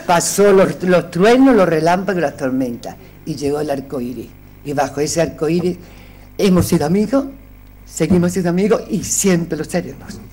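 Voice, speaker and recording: A woman giving a tribute speech at an awards gala, telling a lively stage anecdote with laughing asides. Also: lowish voice, moderate pace. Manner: animated storyteller with laughing asides.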